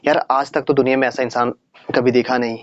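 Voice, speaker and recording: A man teaching a casual English lesson, chatty and asking rhetorical questions, reading the English examples slowly. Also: mid-range voice, level tone, fairly bright tone, no echo. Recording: dry, slightly muffled audio.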